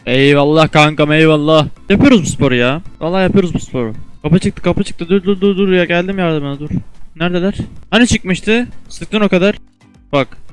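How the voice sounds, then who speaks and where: Young guy playing a shooter and talking over it, kinda high smooth voice, swears a lot, yells when stuff gets tense. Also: a little fast, faint music behind. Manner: excitable, swears and trash-talks teammates and enemies; shouts suddenly in tense moments. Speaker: gamer and video host. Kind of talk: casual gameplay commentary.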